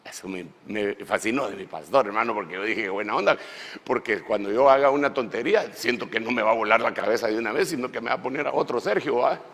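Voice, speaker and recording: A man preaching a sermon at a church conference in an animated way, swinging from shouts to low asides and calling his listeners brother. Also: fast. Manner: folksy, addresses listeners as brother. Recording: long hall reverb in a church.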